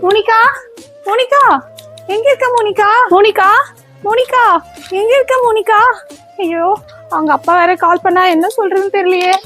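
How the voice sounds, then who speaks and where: A woman's voice: extremely high pitch, fairly even intonation, moderate pace, pauses often, fairly bright tone, soft background music. A woman playing a bossy, fretful stepmother in a comedy skit, scolding sharply and calling out in a panic. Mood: frantic. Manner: scolding, then frantic calling out.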